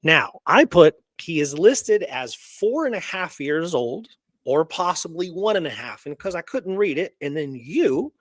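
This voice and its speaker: A man with a slightly high, very animated voice speaks a little slowly, with no room sound. He co-hosts a casual history talk, working through his research notes conversationally and often checking that his listener is following.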